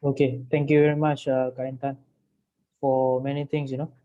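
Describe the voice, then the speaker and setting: A man's voice: medium pitch, level tone, moderate pace. A man in his thirties with a Malaysian accent chats casually in colloquial Singlish-style English, full of lah and ah, mixed with Malay. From Penang, Malaysia. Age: 30s. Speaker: online event host. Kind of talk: casual chat. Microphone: video call. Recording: muffled video call audio.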